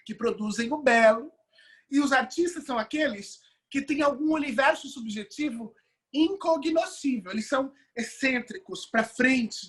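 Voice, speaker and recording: A woman's voice: a little high, fairly bright tone, breathy edge. A woman with a Brazilian Portuguese accent giving an online course lecture, reflective and questioning, often adding tag questions as she reasons aloud.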